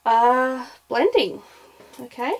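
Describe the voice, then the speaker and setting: Creaky-voiced woman giving a craft tutorial. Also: high-pitched, expressive, slow. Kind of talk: informal demonstration narration, thinking aloud. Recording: clear background noise, clicks.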